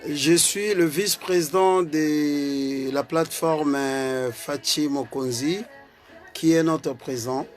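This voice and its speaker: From Congo (DRC), a party vice-president with a Congolese French accent talks earnestly about politics, hesitating and repeating words along the way. His voice is on the high side, he takes it slowly, and faint music sits behind him.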